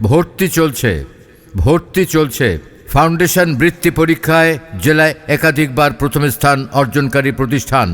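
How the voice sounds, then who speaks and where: A man's voice: fairly high pitch, a bit bright. Bangladeshi male announcer with long reverb. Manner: formal, declamatory. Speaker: announcer for a school admission advertisement. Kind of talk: scripted promotional announcement.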